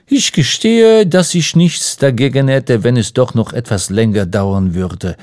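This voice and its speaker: A man voicing a lively mocking Frenchman. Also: medium pitch, unhurried, lightly acted. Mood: wistful. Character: excitable mocking Frenchman, grown man, theatrical. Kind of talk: audiobook character reading.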